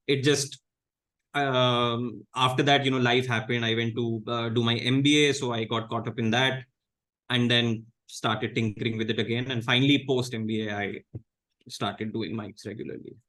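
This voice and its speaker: A man in his thirties with an Indian English accent, a guest in a casual interview, talking in a measured, low-key way with many fillers and restarts. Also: fairly even intonation, fairly bright tone. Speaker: guest comedian.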